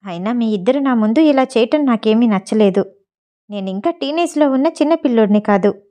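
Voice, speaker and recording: A firm, impatient young man cuts his mother short in clipped lines, with a woman narrator reading him in her own voice. The tone stays mellow and a little high. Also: expressive, fairly quick, close to an everyday voice.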